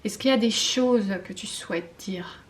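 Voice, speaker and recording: A French woman giving a spiritual card-reading guidance, talking softly and intimately, often slipping into a whisper, with hesitant fillers and self-mocking laughs. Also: medium pitch. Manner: slow, soft and intimate, often dropping to a whisper. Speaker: tarot card reader.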